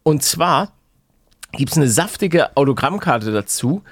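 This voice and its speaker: A man's voice: on the high side, lively intonation, slow, no echo, studio quality. A man with a light northern German accent, co-hosting a casual podcast chat with playful teasing. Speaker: podcast co-host.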